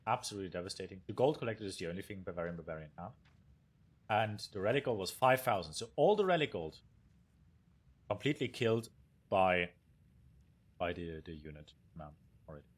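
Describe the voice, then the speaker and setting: Commentating a strategy game for esports, a young caster with a German accent speaks in a low, expressive voice, a little fast and with frequent pauses. He is enthusiastic but sometimes gropes for words, while game music plays faintly behind him.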